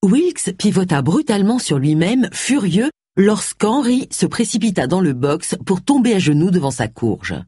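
An audiobook narrator reading a novel in a lively, expressive manner. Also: medium pitch, moderate pace, slightly rough, dry recording, clean studio sound.

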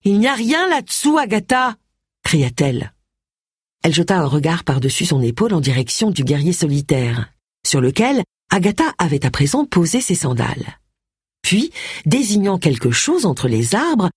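An audiobook narrator reading a mystery novel in an expressive, varied manner. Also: medium pitch, moderate pace, slightly rough, no echo, studio quality. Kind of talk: scripted narration.

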